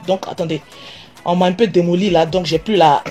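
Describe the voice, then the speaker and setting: A woman's voice: lowish voice, steady tone, fairly quick, warm tone. Woman vlogger on a live stream, casual and boastful, faint music under her. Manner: self-assured, boastful.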